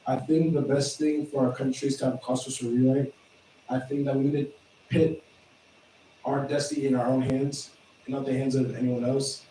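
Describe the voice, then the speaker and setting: Mellow-voiced man asking in an echoey hall. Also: medium pitch, flat delivery, a little fast. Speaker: audience member asking a question. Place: large lecture hall. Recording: echoey hall, far mic, faint hum.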